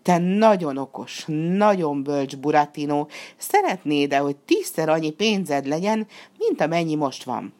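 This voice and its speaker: A woman voicing a sly, flattering female fox in a storybook reading, with a sweet, wheedling, drawn-out way of talking. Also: sits low.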